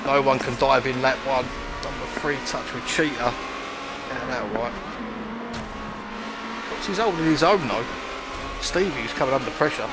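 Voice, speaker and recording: A man's voice: mid-range voice, normal speed, pauses often, very noisy. A man commentating live on an online car race like a motorsport commentator, calling moves in short clipped phrases.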